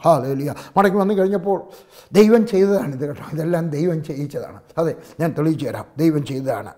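A man's voice: fairly high pitch, a little fast, mellow. A man with a Malayali accent preaching a sermon as pastor, emphatic and full of hallelujahs. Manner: emphatic preaching with frequent hallelujahs, rising and dropping in volume.

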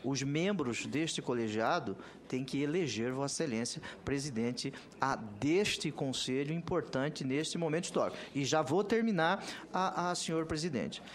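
A man's voice: fairly high pitch, animated, normal speed, slight background noise. A middle-aged Brazilian man, a senator making a formal legal argument with pompous, emphatic oratory and repeated phrases. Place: large Senate committee room, indoors. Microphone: desk gooseneck microphone.

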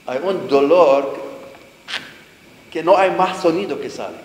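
A middle-aged man, giving an earnest, halting testimony sermon to teenagers and searching for words as he goes. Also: on the high side. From Jordan. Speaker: preacher giving his testimony. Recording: echoey hall with long reverb, faint noise.

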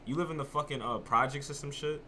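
A man's voice: medium pitch, fairly even intonation, fast, sharp tone, slight background noise. A young man with an American accent in casual chat, brash and slangy, swearing and repeating himself. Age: young adult. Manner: brash, repetitive, slangy, profane. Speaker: host of random video chats. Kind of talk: casual trash-talking chat. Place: indoor room, gaming chair at a computer.

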